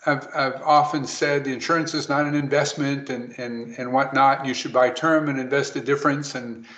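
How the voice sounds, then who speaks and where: A man giving a webinar presentation to financial advisors, talking quickly and briskly. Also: mid-range voice, steady tone, fairly bright tone. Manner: brisk, rapid delivery. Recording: roomy, dull lo-fi audio.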